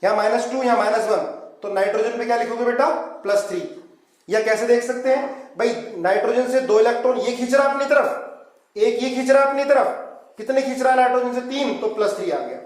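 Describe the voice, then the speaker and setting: A high-voiced man teaches a chemistry lesson in a strongly echoing room. He speaks Hindi mixed with English terms, calls his students "beta" and drags out key terms to stress them. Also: fairly quick. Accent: Hindi-English mix. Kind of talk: online class lecture.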